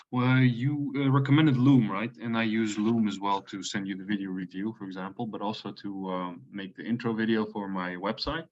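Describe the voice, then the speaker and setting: Man, lowish voice, halting questions, dull lo-fi call audio. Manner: halting, many likes and ums. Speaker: caller. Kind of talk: asking questions on a video call.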